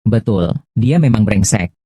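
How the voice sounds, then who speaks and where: A man reading all the dialogue of a dubbed drama, voicing every character in one steady, quick delivery. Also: on the low side, breathy edge, no echo. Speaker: voice-over reader of a dubbed drama. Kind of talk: fast scripted dialogue dub read in one voice.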